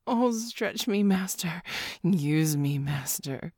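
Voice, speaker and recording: Low husky whispery seductress, a woman playing her, slow and dry-sounding. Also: expressive, darkish tone, dry recording, heavily acted. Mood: eager. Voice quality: breathy whispering. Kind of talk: erotic audio roleplay.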